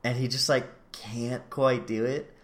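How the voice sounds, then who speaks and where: A man's voice: medium pitch, a little slow. A man co-hosting a casual podcast, recapping a show. He replays the dialogue line by line, putting on each person's voice in turn. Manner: animated retelling, acting out both sides of a conversation. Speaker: podcast co-host.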